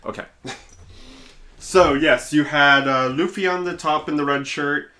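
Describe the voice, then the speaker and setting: A man's voice: fairly high pitch, a little slow, bright, forceful tone. A man co-hosting a casual talk show, easygoing and explanatory, with a teasing streak. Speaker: podcast co-host. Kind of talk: casual chat.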